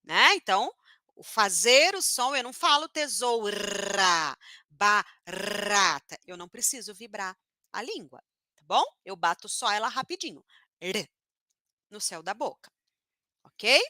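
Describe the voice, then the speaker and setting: A woman teacher from northern Paraná, Brazil, with a northern Paraná accent, giving a live online phonetics lesson and slowly repeating each sound she demonstrates. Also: on the high side, big pitch swings, sharp tone, no echo, studio quality. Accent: northern Paraná Brazilian Portuguese.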